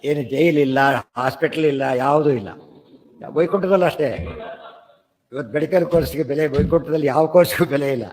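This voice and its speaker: A man's voice: fairly high pitch, a little mellow. Man teaching scripture in a reverberant hall. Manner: conversational, asks "understood?" often; chants verses slowly. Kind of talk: Sanskrit verse commentary lecture.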